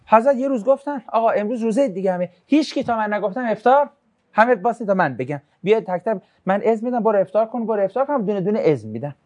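A religious class teacher in a relaxed, conversational lesson. The teacher reads student questions aloud, answers them with jokes, and retells a religious tradition as a story. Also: medium pitch. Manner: shifts into storytelling when recounting a religious tradition.

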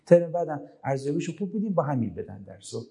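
A man's voice: fairly high pitch, big pitch swings, gravelly, dark tone. A middle-aged man lecturing students on making demands, emphatic and full of rhetorical questions. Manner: emphatic, rhetorical questions, acts out quoted voices. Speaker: university lecturer.

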